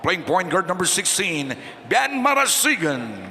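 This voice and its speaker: A man's voice: sits high, sing-song, sharp tone. A man with a Filipino accent announcing starting lineups over a hall sound system, drawing out each name. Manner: slow, drawn-out announcing of names. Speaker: game announcer. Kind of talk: arena player introductions. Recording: hall reverb of an indoor arena.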